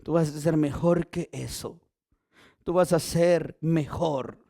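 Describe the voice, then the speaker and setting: A pastor preaches, his voice sitting high and carrying a gravelly edge. He swings between fervent shouting and quiet, hushed passages. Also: fairly even intonation, takes it slowly. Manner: preaching with big swings from shouting to near-whisper. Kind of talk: sermon.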